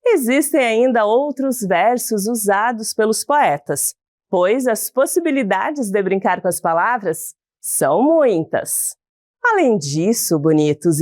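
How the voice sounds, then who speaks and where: A woman teacher with a Brazilian accent, slowly and warmly leading a recorded lesson for children, reading a poem aloud and explaining verses and syllables in a sing-song, encouraging way. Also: medium pitch, no echo, studio quality. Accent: Brazilian Portuguese. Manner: slow, sing-song and encouraging, calls the pupils "bonitos".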